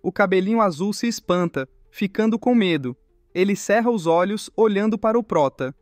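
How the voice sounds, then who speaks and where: A man with a Brazilian Portuguese accent narrating a comic recap in a plain, quick storytelling manner with many short cues. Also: high-pitched, expressive, no room sound, studio quality, soft background music.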